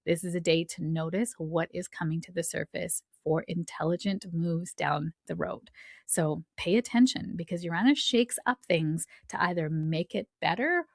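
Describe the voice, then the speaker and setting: Gravelly low-voiced woman astrologer. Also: normal speed, no echo, studio quality. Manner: chatty, reflective, with asides and laughs. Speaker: astrologer giving a weekly forecast. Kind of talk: casual spoken forecast.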